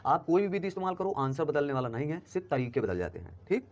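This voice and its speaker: Male math tutor, brisk explainer, higher-pitched, keeps asking if it's clear. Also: very animated, muffled recording. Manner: quick, explanatory, checks understanding with "clear?". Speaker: math teacher. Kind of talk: explaining class 5 math lesson.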